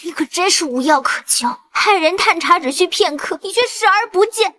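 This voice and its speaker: A woman's voice: extremely high pitch, animated, normal speed, pushed and bright, heavily acted. A young woman playing a defiant daughter of an immortal sect, speaking sharply and scornfully. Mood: defiant scorn. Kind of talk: dubbed costume drama acting.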